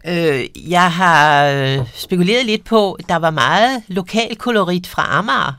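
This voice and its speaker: A man's voice: high voice, lively intonation, pushed and bright, clean tone, no room sound. A man hosting an interview, chatting casually with an author and giving many short replies. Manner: friendly, frequent short backchannels. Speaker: interviewer host.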